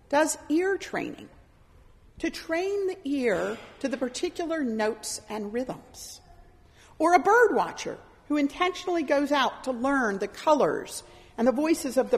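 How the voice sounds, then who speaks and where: A middle-aged woman preaching a sermon, her high voice rising and falling as she tells stories and plays out the voices of the people in them. She sounds lively, and her voice carries through the long reverb of a church hall. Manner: animated storytelling, voices quoted speakers. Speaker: pastor.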